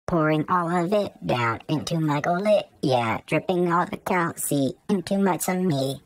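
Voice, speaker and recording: A man singing in a flat monotone, his voice sped up and pitched high with robotic processing for a hyperpop track. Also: a little slow, soft background music. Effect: sped-up, high-pitched robotic vocal processing. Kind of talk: heavily processed sung hyperpop vocal.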